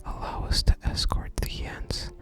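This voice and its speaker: A gaming ASMR creator whispers softly and breathily, reading game dialogue gently and deliberately and adding casual commentary, with game music in the background.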